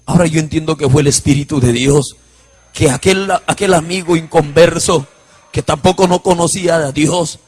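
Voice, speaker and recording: Husky preacher telling his testimony. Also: on the high side, normal speed, darkish tone, in a large hall. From Huánuco, Peru. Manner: emotional storytelling, passionate preaching cadence. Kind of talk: sermon testimony.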